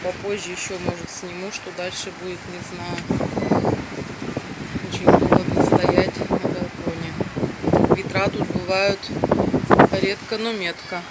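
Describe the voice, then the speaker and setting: A woman films a casual outdoor vlog from a balcony as strong wind batters the microphone. She talks slowly and off the cuff, dropping exclamations between her remarks. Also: fairly low pitch, flat delivery. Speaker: amateur vlogger filming from a balcony. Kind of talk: casual spontaneous narration to camera. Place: outdoors on a windy high balcony. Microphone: handheld camera mic buffeted by wind. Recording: loud wind noise buffeting the microphone.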